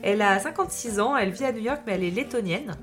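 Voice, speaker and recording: A woman's voice: mid-range voice, animated, quick pace, soft background music. Chatty young woman. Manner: chatty, laughs easily, many fillers. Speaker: podcast co-host. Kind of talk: casual chat.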